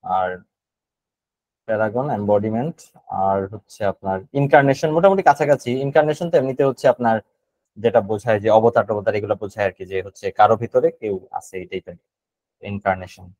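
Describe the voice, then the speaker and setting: Fairly quick and a little mellow, with a voice on the low side, a Bangladeshi man casually explains word meanings in an online GRE class. He thinks aloud and mixes English into his Bengali, and the audio is poor with no echo.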